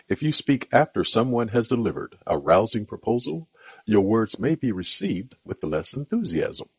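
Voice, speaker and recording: A man's voice: lowish voice, a little mellow, breathy edge, dry recording, dull audio. A man hosting a podcast, reading a scripted monologue with an emphatic, instructive delivery. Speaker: podcast host.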